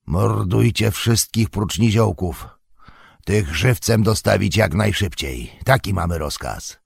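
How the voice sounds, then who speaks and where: A man growling as Ugluk, a grating bass orc captain. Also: animated, slow, creaky, husky, dry recording, studio quality, heavily acted. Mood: gruff. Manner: commanding, boastful. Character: gruff hulking male orc captain, domineering. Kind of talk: audiobook character voice.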